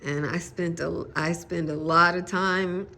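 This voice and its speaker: A woman's voice: lowish voice, steady tone, unhurried, bright, forceful tone. An older woman chatting casually about her garden seeds in a folksy way, with religious asides. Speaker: gardening vlogger. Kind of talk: casual chat.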